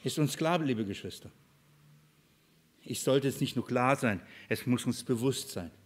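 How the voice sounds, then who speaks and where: A man preaching a sermon to his congregation, asking questions and answering them himself, swinging between loud passages and hushed ones. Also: mid-range voice, expressive, unhurried.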